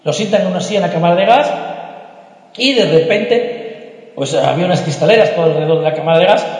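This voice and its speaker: A man from telling a joke with a moral, animated and emphatic, repeating phrases. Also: sits high, fast. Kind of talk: storytelling with a moral lesson. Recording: echoey hall reverb.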